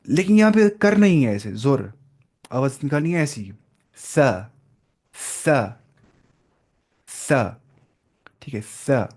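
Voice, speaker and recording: A young man teaches Quran recitation in a relaxed classroom lesson, his pitch in an ordinary middle range. He goes step by step, asks his listeners questions, sounds out each letter to demonstrate pronunciation, and mixes in English words, with long pauses along the way.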